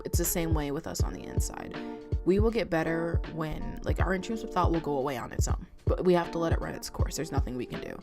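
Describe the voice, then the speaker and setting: A woman's voice: low-pitched, fast, over music. A young woman talking casually to camera, rambling with many fillers and restarts. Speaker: vlogger. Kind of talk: casual confessional talk to camera.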